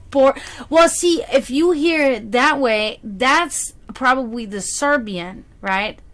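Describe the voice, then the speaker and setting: A German-speaking woman, working as a psychic card reader, chats casually on a livestream in a high, slow, somewhat bright voice. She rambles along and reads her viewers' chat aloud as she answers them.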